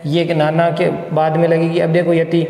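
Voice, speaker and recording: A male college lecturer with a high voice teaches poetry meter, explaining patiently step by step and counting syllables aloud. He sounds like he is in a hard, echoey room where his voice rings with a long reverb. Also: completely flat delivery, normal speed, mellow. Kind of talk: recorded Hindi poetry lesson.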